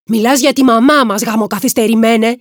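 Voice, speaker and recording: A woman reading a novel aloud, voicing a hot-tempered young man who swears and shouts. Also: fairly low pitch, animated, dry recording, clean studio sound. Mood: scornful. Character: angry young man, brother, quick-tempered.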